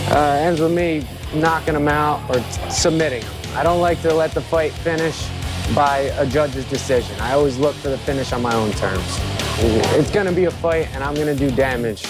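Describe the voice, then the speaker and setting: A man speaking as an MMA fighter in a pre-fight interview, matter-of-fact and confident. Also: fairly high pitch. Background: guitar music.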